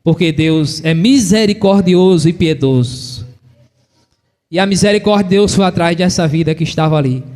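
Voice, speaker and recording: High-voiced fervent Brazilian preacher. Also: male voice, moderate pace. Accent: Brazilian Portuguese. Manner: fervent, rising to shouts, tells stories, laughs often. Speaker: church assistant preaching. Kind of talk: evangelical sermon. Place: church hall. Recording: long church-hall reverb.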